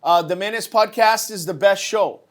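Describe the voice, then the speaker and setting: A man's voice: sits high, normal speed. A man co-hosting an interview, talking casually and enthusiastically. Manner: enthusiastic, praising. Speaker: co-host.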